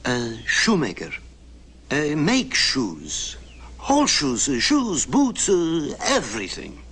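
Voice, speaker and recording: A shy Latvian immigrant shoemaker in an old film, talking slowly in broken English with a Latvian accent. The voice is husky and leaps wildly in pitch, stumbling over words. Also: male voice, huge pitch swings, fairly bright tone, full character voice. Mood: halting. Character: bashful Latvian immigrant shoemaker, middle-aged man.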